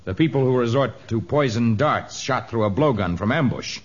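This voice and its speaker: An actor playing a calm, formal jungle hero who speaks in a measured way, in 1940s radio drama style, on a dull old recording. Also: male voice, medium pitch, close to an everyday voice. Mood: grave.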